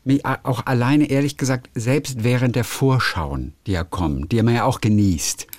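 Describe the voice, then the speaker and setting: A man's voice: mid-range voice, normal speed, a little mellow, no echo. A man co-hosting a casual phone chat, giving an earnest, opinionated take and getting worked up. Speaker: radio presenter, co-host.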